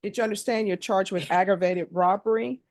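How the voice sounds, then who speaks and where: A woman's voice: mid-range voice, a little fast, darkish tone. Female judge in formal courtroom delivery. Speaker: judge presiding over a plea hearing. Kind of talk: formal courtroom questioning, scripted legal recitation.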